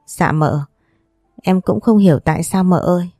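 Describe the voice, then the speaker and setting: A woman's voice: fairly low pitch, normal speed, warm tone, no echo, clean studio sound, faint music behind. A woman voicing a frightened young servant girl who stammers and pleads.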